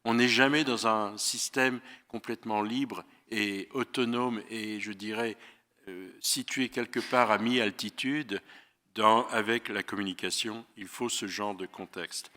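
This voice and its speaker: An older man gives a talk in an auditorium, his low but bright voice ringing through a long reverberation. He hesitates often and searches for his words, with a touch of dry irony. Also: fairly even intonation, a little slow. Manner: thoughtful, hesitant with frequent fillers, wry humor. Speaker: guest lecturer. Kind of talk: public lecture, paraphrased from notes.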